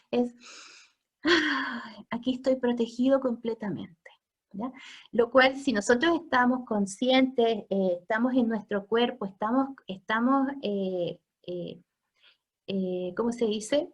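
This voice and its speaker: A woman's voice: a little high, darkish tone. A middle-aged woman teaching an informal class, chatty, often checking in with listeners and laughing. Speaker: family constellations teacher. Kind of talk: informal online class lecture.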